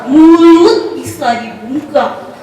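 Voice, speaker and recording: A woman giving a slow, solemn, drawn-out poetry recitation at a contest, partly chanted. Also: high voice, mellow, a faint crowd. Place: large hall at a contest. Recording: echoey hall from far off.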